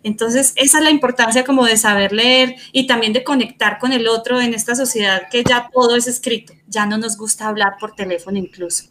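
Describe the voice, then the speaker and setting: A woman interviewing a guest in a reflective, conversational way. Her voice sits a bit high. A faint hiss of noise runs under it. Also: brisk, hardly any pauses, fairly bright tone. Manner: reflective, conversational, asks follow-up questions. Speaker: interviewer, teacher.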